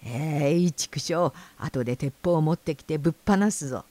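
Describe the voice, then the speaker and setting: A woman voicing a fat, greedy, quick-tempered rich man in a storybook reading, blustering and shouting threats. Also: deep voice, lightly acted. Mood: furious.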